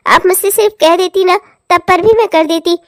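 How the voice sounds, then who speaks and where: A woman's voice: very high voice, steady tone, moderate pace, a bit bright, dry recording, clean studio sound. A woman voicing a polite, dutiful young daughter-in-law in a cartoon, speaking sweetly and respectfully.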